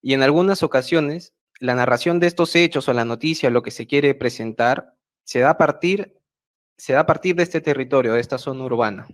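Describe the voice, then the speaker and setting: Man, Peruvian accent, measured prepared talk, frequent hesitant fillers, video call mic. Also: medium pitch. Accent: Peruvian Spanish. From Peru, central Andes. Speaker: speaker at an online project meeting. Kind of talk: prepared talk at a web meeting. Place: home, remote video call.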